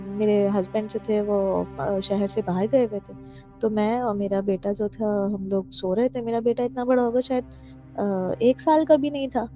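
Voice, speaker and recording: A woman from Pakistan calling in to tell her own ghost story, pausing often with fillers and slipping English words into her speech. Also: medium pitch, dark tone. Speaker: caller sharing a personal story. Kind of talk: telling a true ghost story. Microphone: phone voice note. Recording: dull lo-fi voice note with faint music.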